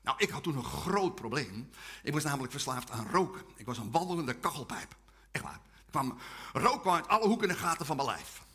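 A man's voice: on the high side, big pitch swings, a little fast, sharp tone, breathy edge. A man preaching a humorous testimony sermon to a live audience, joking and leading the crowd in call-and-response chants.

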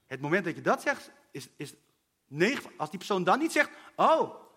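A man's voice: sits high, big pitch swings, brisk, sharp tone, slightly rough. A man preaching a sermon in an earnest, personal way and speaking straight to his listeners.

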